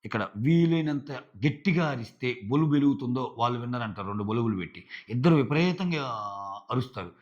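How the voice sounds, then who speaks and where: Male reviewer, casual rambling recap, mid-pitched voice, muffled lo-fi home recording. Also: expressive, fairly quick, darkish tone. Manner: chatty, filler-heavy retelling. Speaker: show reviewer.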